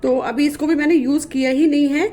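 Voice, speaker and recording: A woman's voice: high voice, steady tone, a little fast, dark tone, echoey room. A woman vlogging casually to camera, chatty and full of fillers, complaining about the poor quality of the items she shows. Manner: showing items while talking. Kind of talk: casual vlog talk to camera.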